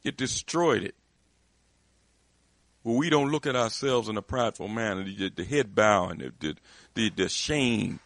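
Man, gravelly voice, dry recording, emphatic, impassioned discussion. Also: lowish voice, animated, moderate pace, pauses often, fairly bright tone, no echo. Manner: emphatic, repetitive restarts, rising intensity.

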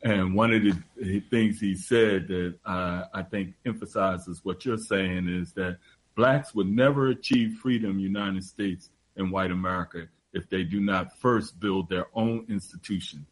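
A man hosting a discussion, speaking in a measured way with many hesitations and reading quotes aloud. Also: low voice, rough recording.

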